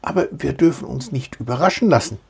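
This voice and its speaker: A man's voice: mid-range voice, expressive, a little fast, creaky, darkish tone, slightly rough, exaggerated voice. A man voicing a brave, boastful little boy mouse in a storybook, who talks in a reassuring, boasting way. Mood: eager.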